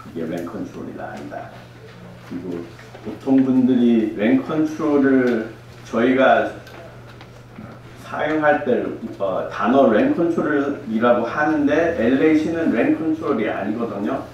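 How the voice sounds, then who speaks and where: A man with a Korean American accent presenting an informal lecture haltingly, mixing English words into his speech. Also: mid-range voice, expressive, a little mellow, lo-fi sound. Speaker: housing department staff presenter. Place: large echoey indoor room. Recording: echoey room from far off, faint noise.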